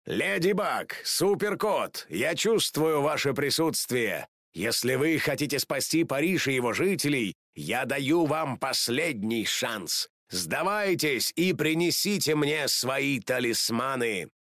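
Man doing a pompous grand supervillain, slow, commanding, theatrical storybook voice. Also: medium pitch, sing-song, fairly bright tone, no echo, studio quality, pitched above the performer's own voice, exaggerated voice. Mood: menacing. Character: pompous menacing male supervillain.

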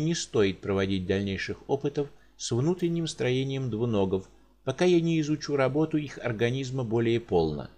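Male reader as alien scientist, detached, measured, lively pitch, storybook. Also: natural voice.

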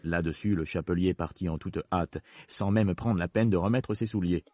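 A man narrating a storybook in a measured, storytelling manner. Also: deep voice, warm tone, no echo.

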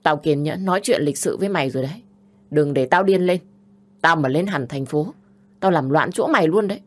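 A woman's voice: low voice, fairly quick. A woman voicing a bossy, scolding older sister. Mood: furious. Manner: nagging, scolding, harsh.

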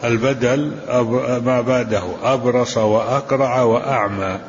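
A man teaching a lesson as a sheikh, explaining a classical text calmly, repeating phrases and saying "na'am" to move on. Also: mid-range voice, normal speed, slight background noise. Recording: dull recording with long hall reverb.

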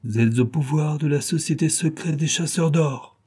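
A man's voice: fairly high pitch, moderate pace, mellow, slightly rough, voice pushed up. A man voicing a scheming clubman villain who talks in an urgent, pushy way. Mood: threatening.

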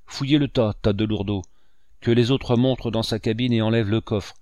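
A man's voice: lowish voice, fairly even intonation, moderate pace, a little mellow, no room sound, natural voice. A man voicing a vicious blind old male pirate who snarls and barks orders at his gang. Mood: raging.

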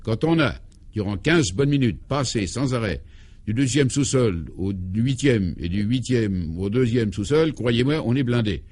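A man voices Clovis du Tilleul, an eccentric, jovial 64-year-old former priest in an old-style French radio comedy. He speaks unhurriedly with lively intonation and a darkish tone, pitching his voice high and sounding exuberant and fatherly.

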